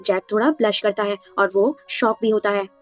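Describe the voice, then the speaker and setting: A woman retelling a comic story in Hindi-accented speech, briskly switching into the characters' lines as she narrates. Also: medium pitch, fairly even intonation, faint music behind. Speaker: manhwa recap narrator. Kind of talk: storytelling recap with quoted dialogue.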